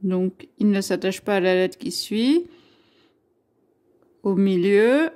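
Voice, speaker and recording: A woman teaching a beginners' class on writing letters, speaking in a slow, patient way and spelling out each sound. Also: mid-range voice, lively intonation, mellow. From France. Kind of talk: Arabic alphabet lesson.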